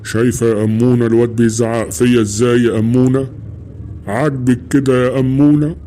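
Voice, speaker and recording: A man playing a gruff scolding Egyptian father. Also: medium pitch, flat delivery, quick pace, slight background noise, natural voice. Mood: whining. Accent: Egyptian Arabic. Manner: loud scolding, grumbling. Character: gruff middle-aged father, scolding and easily hurt. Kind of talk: cartoon voice acting.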